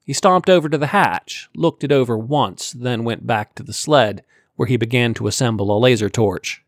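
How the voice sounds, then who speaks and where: A man reading a science fiction story aloud in a steady, even narration. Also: medium pitch, moderate pace, dry recording, clean studio sound. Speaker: audiobook narrator. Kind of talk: scripted narration.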